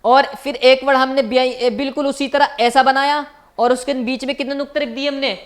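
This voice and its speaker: A man's voice: very high-pitched, level tone, normal speed. A man teaching as a language teacher in a recorded online lecture, patiently repeating each point and asking his viewers questions.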